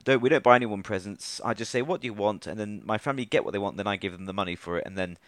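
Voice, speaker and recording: Low-voiced dry-sounding man. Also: rapid-fire, fairly bright tone, no echo. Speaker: podcast guest. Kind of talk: casual chat.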